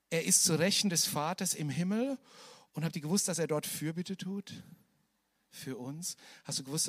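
A man preaching a sermon, moving from soft, slow, hushed passages to loud, high, almost shouted climaxes. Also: dry recording, clean studio sound.

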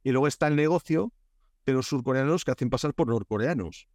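This man from Spain has a Spanish accent and a mid-range voice, and he talks fairly quickly. He's a Korea expert appearing as a guest on a casual podcast, telling animated stories packed with fillers and restarts. The recording is dry, with clean studio sound.

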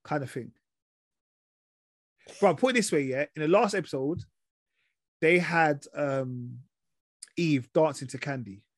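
A man's voice: a little high, a little slow, pauses often, dry recording. A man with an urban London roadman accent and slangy delivery, hosting a casual chat reviewing TV shows. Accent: London, urban street slang. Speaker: podcast host.

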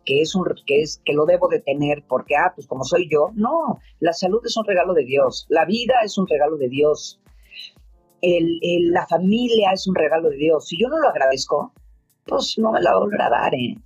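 Husky Mexican woman giving chatty advice. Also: fairly low pitch, lively intonation, moderate pace, darkish tone. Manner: chatty, rambling, frequent fillers. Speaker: codependency group leader. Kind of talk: casual advice talk. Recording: dull lo-fi audio with faint music.

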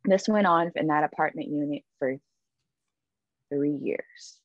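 A woman's voice: low-pitched, unhurried, no room sound, dull audio. A woman guest on a podcast, telling a personal story in a candid, emphatic way, often adding "like" and "right?".

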